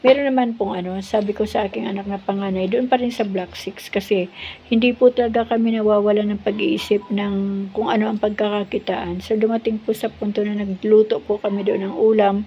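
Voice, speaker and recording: A woman tells a personal faith story in an earnest, devotional way, speaking politely and respectfully to her listeners as friends. Her voice sits at an ordinary middle pitch. The recording is a bit dull and lo-fi, with a faint hiss underneath. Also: steady tone, fairly quick. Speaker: Bible reading host sharing a testimony.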